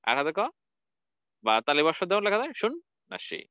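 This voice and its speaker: A man's voice: on the high side, wildly swooping pitch, brisk, fairly bright tone. A man teaching a recorded college lecture, spelling out words letter by letter and asking and answering his own questions. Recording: dull lo-fi dry recording.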